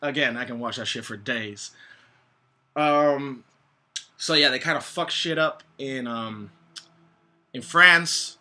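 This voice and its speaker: A man giving a casual, rambling movie review in slangy, profane language, often halting and groping for words. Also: mid-range voice, bright, forceful tone. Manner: halting, groping for words with many false starts.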